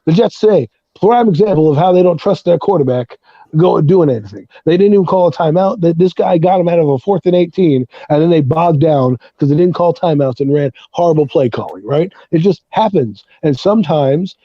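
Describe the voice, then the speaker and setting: A man's voice: on the high side, lively intonation, brisk, no echo, muffled recording. A man hosting a sports talk show, arguing his point emphatically in a heated debate and swearing now and then. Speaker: podcast host.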